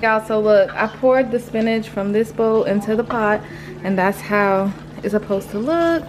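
A woman in her twenties, talking casually and relaxed in a home kitchen while she cooks for her vlog. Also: mid-range voice, unhurried. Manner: chatty, relaxed, filler-heavy explaining while cooking. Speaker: vlogger. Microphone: camera mic from a few feet away. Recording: roomy kitchen echo, distant mic, loud music underneath. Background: loud Afrobeat music.

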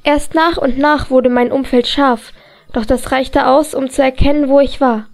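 A woman narrating a novel in the first person as an audiobook reader, calm and measured. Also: high voice.

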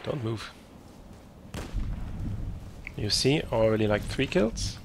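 A man giving casual commentary while playing a shooter game, with relaxed remarks between fights. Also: fairly low pitch, slow pace, gravelly, very noisy. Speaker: gameplay commentator. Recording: loud gunfire over voice. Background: game gunfire and explosions.

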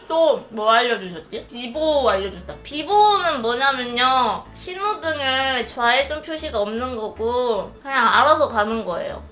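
A woman in her twenties chatting casually on a live stream, telling stories in an animated way and acting out other people's voices. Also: high-pitched, a little slow, hardly any pauses, soft background music. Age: 20s.

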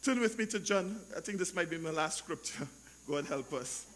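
A man preaching a sermon as pastor, drawing out scripture slowly and leading call-and-response, shouting at the peaks. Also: fairly high pitch, lively intonation. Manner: slow, drawn-out scripture reading.

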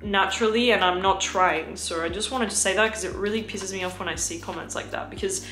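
A woman's voice: a little fast, reverberant. A young woman from Australia with an Australian accent touched by French, chatting effusively about fragrances on her vlog. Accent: Australian, with some French influence. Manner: gushing and effusive, slips into a lowered, breathy hush. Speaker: fragrance vlogger. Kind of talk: casual chat.

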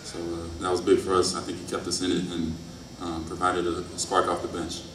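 An early-20s college basketball player answers press conference questions indoors, speaking a little fast in a deep, flat voice. A distant table microphone on a stand picks him up in an echoey room with faint noise.

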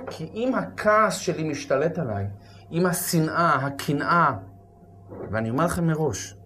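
A man preaching as a rabbi, telling a story with acted-out shouts and sudden loud bursts. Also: on the high side, slight background noise. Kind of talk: animated storytelling sermon.

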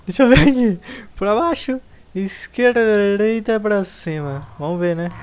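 A man's voice: high-pitched, a little hiss or hum. A man with a Brazilian Portuguese accent giving casual gaming commentary, yelping, groaning and joking at the game as he plays. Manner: excitable, yelps and groans at the game. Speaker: gameplay commentator. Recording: game music loud behind the voice.

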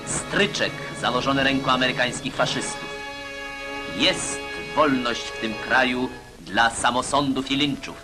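A man's voice: mid-range voice, a little slow. A man narrating an old newsreel in a declamatory, emphatic propaganda delivery. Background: music.

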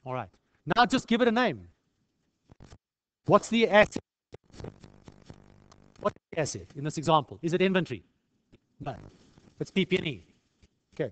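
Lecturing informally in a conversational tutorial style, a South African accounting lecturer leans on rhetorical questions. His voice is fairly high in pitch, with no echo.

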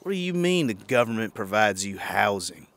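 This young-adult podcast host, in his thirties, has a lowish, creaky voice and a moderate pace. On a backyard patio with a handheld mic, he runs a laid-back comedic show, swearing animatedly and launching into goofy mock songs.

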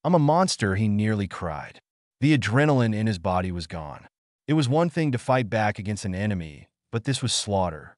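A man with a low voice narrates a written story in a steady reading manner. His pitch moves a lot across phrases. The recording is dry and close, with no room sound. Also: moderate pace, dry recording. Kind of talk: scripted fan fiction narration.

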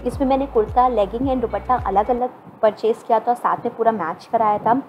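A woman's voice: fairly high pitch, fairly quick, a little mellow. A woman in her thirties, a vlogger chatting casually to a phone held at arm's length, mixing English words into her Hindi. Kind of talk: casual vlog chat to camera. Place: indoors at home. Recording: background music.

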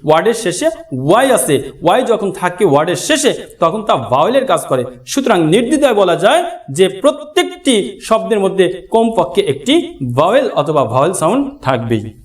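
A male teacher with a Bangladeshi Bengali accent, giving a classroom grammar lesson, addressing his students directly and slowly spelling out example words. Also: high-pitched, sing-song. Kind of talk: classroom lesson explaining at a board.

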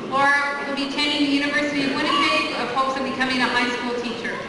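A woman's voice: high-pitched, little pitch movement, quick pace. A woman announcing graduates at a school ceremony over a PA, reading names and plans with light joking asides, captured on old camcorder home-video audio. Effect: old camcorder home-video recording. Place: large school hall at a ceremony. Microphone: PA microphone, picked up by a distant camcorder. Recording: echoey far-off PA in a hall, heavy hiss and crowd.

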